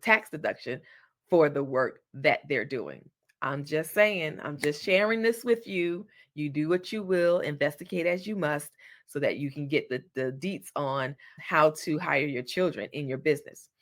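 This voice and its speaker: A woman's voice: low-pitched, fairly bright tone. A woman talks straight to her listeners in a solo podcast episode. Her tone is chatty and encouraging. She uses casual, everyday phrasing. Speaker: podcast host. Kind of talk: solo podcast advice talk.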